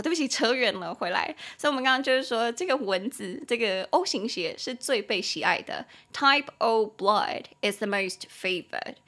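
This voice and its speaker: A woman's voice: medium pitch, fairly bright tone. A woman hosting a casual English-lesson podcast, chatty and prone to tangents, spelling out words as she teaches. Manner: chatty, digressive, spells out words and switches between Mandarin and English. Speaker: English tutor and podcast host.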